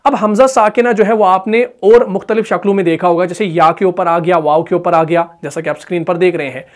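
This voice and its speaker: This tajweed lesson comes from a man whose high voice keeps a fairly even intonation and carries a Pakistani Urdu accent. While teaching Quran recitation, he asks questions only to answer them himself and slowly stretches out the example words.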